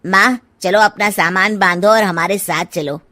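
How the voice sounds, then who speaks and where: A woman's voice: medium pitch, steady tone, normal speed, pushed and bright, no echo, natural voice. A woman playing a casual, self-assured adult son in a family story. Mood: insistent. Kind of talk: acted dialogue in a family audio story.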